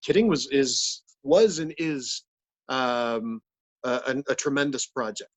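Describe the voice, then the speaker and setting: A man talking casually as an interview guest, halting and repeating words as he searches for the next one. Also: mid-range voice. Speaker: puppeteer and voice actor, interview guest.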